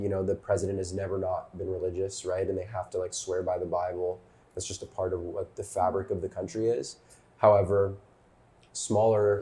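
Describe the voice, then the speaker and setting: Low, mellow-voiced young man. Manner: halting, frequent restarts and fillers. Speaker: panelist. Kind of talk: casual discussion.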